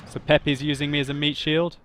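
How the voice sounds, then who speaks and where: A man narrating his own tank battle gameplay as a voice-over commentary, laughing often and getting loud and excited at big moments. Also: on the high side, a little fast, slight background noise. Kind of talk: video game commentary voice-over.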